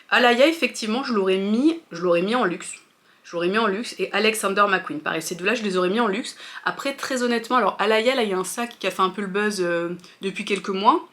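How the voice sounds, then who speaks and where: A woman's voice: medium pitch, a bit bright. A French woman talking casually to her viewers as a fashion vlogger, chatty and hesitant with many fillers and restarts. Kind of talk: casual opinion chat to viewers.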